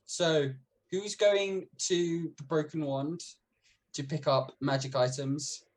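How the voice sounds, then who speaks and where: A man casually narrating a tabletop game as game master, with a halting, word-repeating delivery. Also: on the high side, fairly even intonation. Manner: halting, repeats words as they start.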